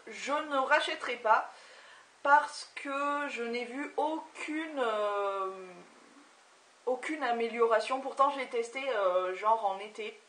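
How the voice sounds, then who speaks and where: A woman's voice: on the high side, slow, a bit bright, distant mic. A young woman reviewing beauty products in a casual vlog, talking hesitantly with lots of filler sounds. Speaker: beauty vlogger. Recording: echoey room, voice off-mic.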